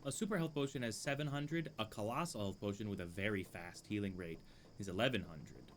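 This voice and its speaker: A man's voice: fairly low pitch, a little fast, slight background noise. A man casually commenting on his gameplay, musing and dryly amused, talking to himself at a desk microphone he sometimes leans away from. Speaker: streamer playing a game. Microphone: desk microphone, leans away at times.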